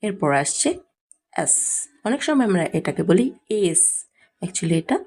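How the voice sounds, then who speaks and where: A woman with a Bengali accent, hosting a slow, careful alphabet pronunciation lesson and repeating each word deliberately. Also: fairly low pitch, very animated, darkish tone. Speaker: English teacher and channel host.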